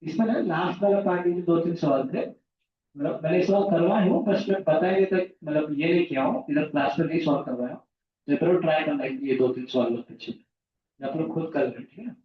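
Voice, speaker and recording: A man's voice: a little high, brisk. A male physics teacher chatting informally with his class, mixing lesson points with stories. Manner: chatty, jumps between lesson and anecdotes. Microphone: far from the mic. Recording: echoey room, distant mic, dull sound.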